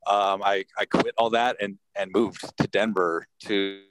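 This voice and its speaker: A man's voice comes through a car speakerphone, a little distant, as he drives and chats. He sits low in pitch and rambles loosely, full of fillers. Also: fairly even intonation, a little slow, background noise. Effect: car speakerphone while driving. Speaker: podcaster and astrologer. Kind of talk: casual panel chat over a call.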